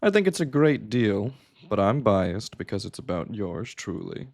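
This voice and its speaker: An actor playing a charming, teasing doctor who appears as a fantasy boyfriend, with a warm, playful and grumbly manner. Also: male voice, fairly low pitch, big pitch swings, normal speed, dry recording. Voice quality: grumbly, gravelly. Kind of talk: short film drama.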